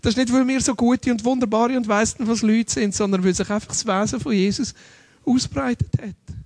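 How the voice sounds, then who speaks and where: A man's voice: very high-pitched, steady tone, a little fast, darkish tone, no room sound. A man preaching a sermon in an earnest, conversational way, often asking rhetorical questions.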